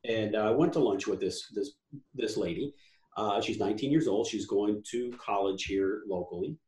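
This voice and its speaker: A man's voice: lowish voice, normal speed, darkish tone, reverberant. A man talking on a podcast in a casual, blunt way, telling stories with lots of animation and swearing freely.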